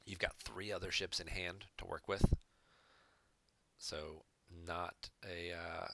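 A man with a low, crisp and forceful voice walks through a card game match play by play. He sounds analytical and methodical, explaining each move. The recording is dry and close, with no room sound. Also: steady tone, takes it slowly, dry recording. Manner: analytical, explains plays step by step. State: hiccups. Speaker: game reviewer. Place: home room.

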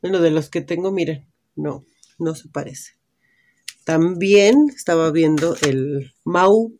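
A woman with a Mexican Spanish accent talks slowly in a low, darkish voice. She's a beauty vlogger trying on lipsticks at home indoors in natural light, chatting casually and thinking aloud.

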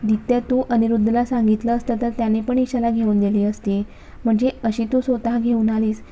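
A woman's voice: a little high, level tone, fairly quick, warm tone, a little hiss or hum, close to an everyday voice, poor audio. A woman voicing an anxious middle-aged mother who talks hesitantly. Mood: worried.

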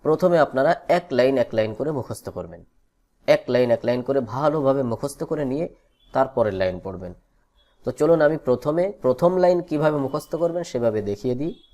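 Mellow-voiced man teaching Quran letters. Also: mid-range voice, lively intonation. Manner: slow drawn-out chanting of letter names; patient instructional explanation. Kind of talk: online Quran reading lesson.

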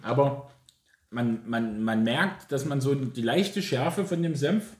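A man's voice: mid-range voice, slow pace. A man, chatting casually as co-host of a tasting video. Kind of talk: casual chat. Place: domestic room indoors. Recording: roomy echo, clear background noise.

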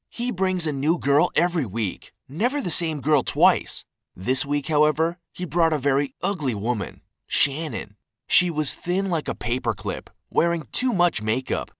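A young man narrating a scripted animated story and voicing the people he quotes. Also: on the high side, dry recording, studio quality.

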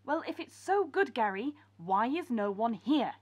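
A woman playing a fed-up, sharp-tongued wife with a husky voice, exasperated and scolding. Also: on the high side, big pitch swings, unhurried, full character voice.

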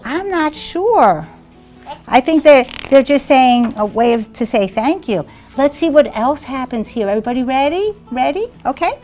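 A woman's voice: high voice, lively intonation, moderate pace, a little mellow, faint music behind. A woman hosting a children's show, reading a picture book aloud and cheerfully asking the children questions.

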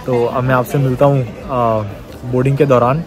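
Filming on a phone at arm's length, this Indian-accented travel vlogger in his early 20s talks casually, sprinkling in English words, in a medium-pitched voice with flat delivery at a moderate pace. A crowd can be heard behind him.

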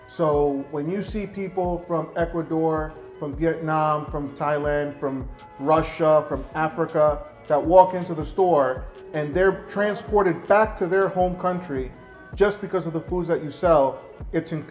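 A man's voice: a little high, unhurried, faint music behind. A middle-aged man speaking as a guest on a TV show, earnest and sincere, on a lapel mic in a studio. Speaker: guest, supermarket CEO. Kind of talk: TV interview answers. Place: TV studio set.

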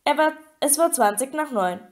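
A woman narrating an audiobook with a steady, expressive reading. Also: sits high, normal speed. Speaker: audiobook reader.

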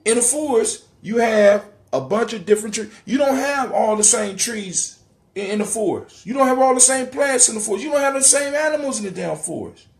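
This livestream host, a middle-aged American man, talks in a very high-pitched, animated voice at a slightly fast pace. His casual monologue is conversational, with offhand swearing and phrases repeated for emphasis, recorded in a dim living room on a phone or webcam at arm's length.

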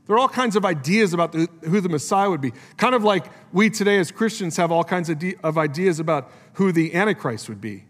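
A man preaching a sermon as pastor, earnest, climbing high for emphasis and dropping low and soft. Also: expressive, a little fast, few pauses. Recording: live church sermon with long hall reverb and faint music.

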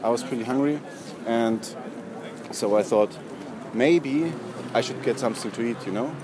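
A man's voice: medium pitch, moderate pace. Rambling young man, noisy street. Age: young adult. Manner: long-winded, filler-laden, keeps going over interruptions. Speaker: street prankster. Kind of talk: rambling, deliberately pointless storytelling to passersby. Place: outdoors on a busy city street. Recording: noisy busy street, traffic ambience.

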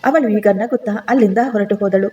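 A woman narrating a dramatic family story in the first person, in a steady, earnest manner. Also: medium pitch, fairly quick, muffled recording.

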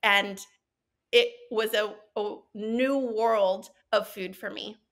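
A woman in her thirties, a guest on a podcast, talking earnestly and warmly about cooking on a budget from her living room over a video call. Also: mid-range voice, fairly even intonation, slow. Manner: earnest, heartfelt, explains step by step. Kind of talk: casual interview chat. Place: bright living room at home. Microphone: headset with handheld mic, video call.

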